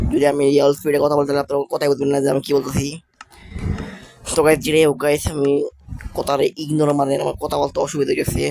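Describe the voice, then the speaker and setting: A young man, still a school student, commenting casually on his Minecraft build in a halting, stammering way, speaking slowly on purpose. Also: mid-range voice, gravelly, darkish tone. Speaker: gaming channel host.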